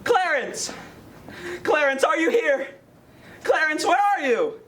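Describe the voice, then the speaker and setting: A man's voice: extremely high pitch, lively intonation, slow pace, background noise, full character voice. A man playing a desperate young husband in an amateur stage play, pleading and frantic. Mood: begging.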